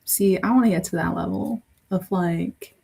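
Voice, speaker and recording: A woman's voice: fairly low pitch, moderate pace, vocal fry, dark tone, breathy edge, rough recording. A woman hosting a casual livestream. She talks in a chatty, giggly, rambling way, often restarting her sentences. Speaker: livestream host.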